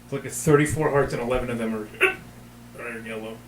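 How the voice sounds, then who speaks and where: A man's voice: mid-range voice, fairly even intonation, fast talker, a little hiss or hum. A young man hosting a casual late-night chat, goofy and jokey, with hiccups. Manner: jokey, goofy, laughs often. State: has hiccups. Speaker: podcast host.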